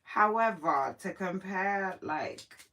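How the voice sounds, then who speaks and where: A woman's voice: medium pitch, expressive, takes it slowly, bright, forceful tone, slight background noise, rough recording. A woman in her morning voice, hosting a casual spiritual live stream and talking reflectively to her viewers. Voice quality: sleepy morning voice. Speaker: livestream host.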